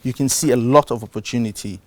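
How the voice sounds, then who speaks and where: A middle-aged man from Cameroon giving a live talk to a conference audience. He gets louder to stress his points, then drops down again. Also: medium pitch, fast talker. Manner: animated, shifts loudness for emphasis. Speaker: conference speaker. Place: conference stage before an audience.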